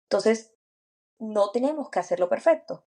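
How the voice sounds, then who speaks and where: A Spanish-speaking woman who lives and works in France co-hosts a reflective podcast, sounding earnest and encouraging as she thinks aloud with small restarts. Her voice is on the high side and dark in tone, with lively intonation at a moderate pace.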